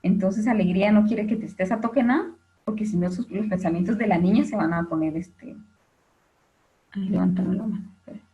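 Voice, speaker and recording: Woman teacher explaining stuff, lots of "este", mellow voice, kinda muffled call audio. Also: medium pitch, fairly quick, faint music behind. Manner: explanatory, frequent "este" fillers, addresses students directly. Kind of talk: online class lecture.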